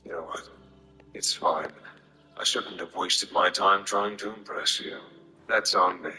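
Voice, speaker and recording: Story villain: male narrator as a huge petulant dark god, low-pitched, sneering internet-troll manner, cutting bright tone. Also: a little slow, faint music behind, heavily acted. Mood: vain, hurt. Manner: sarcastic, whiny internet-troll delivery.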